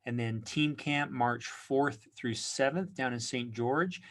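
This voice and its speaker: A man hosting a podcast, giving an upbeat, brisk introduction and team announcements with frequent fillers. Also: medium pitch, fairly bright tone. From Utah. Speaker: podcast host.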